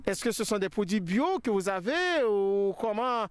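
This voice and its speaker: A man reporting and interviewing on location, speaking in halting, hesitant phrases. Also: high-pitched, very animated, clean tone, no room sound. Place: outdoors on a farm.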